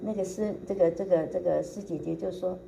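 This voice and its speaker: A woman, a preacher telling her testimony in an animated way and acting out the dialogue. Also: fairly low pitch, brisk, creaky, low-quality recording. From Taiwan. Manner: animated, acts out quoted dialogue, laughs often. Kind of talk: storytelling testimony sermon. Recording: recording with steady background noise.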